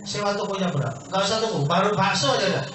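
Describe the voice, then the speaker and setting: A business opportunity presenter gives a persuasive sales seminar in a meeting hall, questioning the audience and answering himself while repeatedly calling listeners "Pak." His high voice is quick and fairly bright, picked up from far off in a very echoey hall with a little hiss or hum.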